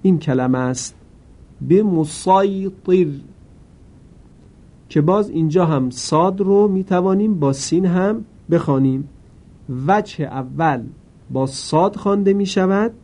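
A man gives a Quran reading lesson. His voice is mellow and sits a bit high, and he explains slowly and carefully. Now and then he chants a single word, drawn out and louder. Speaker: Quran recitation teacher.

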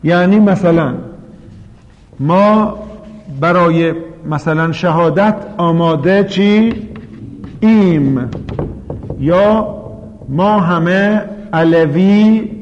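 A man's voice: sits high, a little hiss or hum. A man with a Yazdi Persian accent teaching a class about spelling and pronunciation, who explains step by step and asks the students questions before answering them. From Yazd, Iran. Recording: dull recording with long room reverb.

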